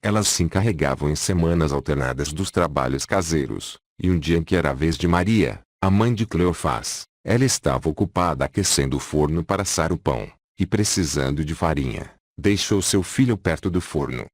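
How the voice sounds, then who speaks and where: Guy reading an audiobook, super deep voice, slow solemn delivery, dry close sound. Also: expressive, dry recording. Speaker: audiobook narrator. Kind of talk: scripted narration.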